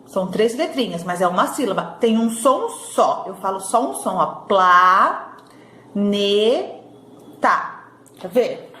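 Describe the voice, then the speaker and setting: A woman teaching a recorded lesson to young children, sounding out syllables slowly and checking in often. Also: medium pitch, lively intonation. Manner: slow syllable-by-syllable drilling, frequent "tá bom?" checks. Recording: echoey room with faint ambience.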